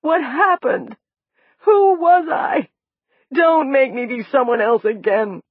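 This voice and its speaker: A woman's voice: on the high side, big pitch swings, unhurried, breathy edge, no echo, phone-quality sound, pitched above the performer's own voice, exaggerated voice. A woman voicing a terrified woman who can't remember her name. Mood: panicked. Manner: panicked, pleading, sobbing. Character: terrified amnesiac woman, young adult.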